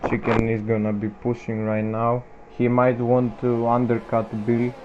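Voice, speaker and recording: A man's voice: medium pitch, completely flat delivery, unhurried. A man giving live motorsport commentary, calling overtakes and gaps play by play. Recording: muffled lo-fi audio with background noise.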